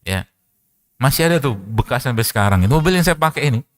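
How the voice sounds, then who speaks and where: A man with a mid-range voice gives a relaxed religious talk, moving through everyday anecdotes and advice. He tells stories lively, rising in excitement and laughing often as he goes. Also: medium pitch, fast. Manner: storytelling, animated, laughs often. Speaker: preacher and doctor. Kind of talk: casual religious lecture.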